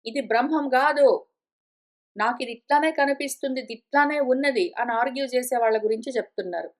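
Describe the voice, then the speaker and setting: A woman with a Telugu accent giving a spiritual lecture, explaining emphatically and repeating points, acting out objections. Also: high-pitched. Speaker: teacher of Sanskrit philosophy.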